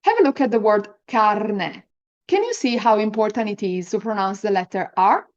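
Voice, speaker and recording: A woman giving an encouraging language lesson on rolling the R, sounding out example words deliberately as a teacher. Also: medium pitch, animated, muffled recording. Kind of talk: pronunciation lesson with slow, repeat-after-me example words.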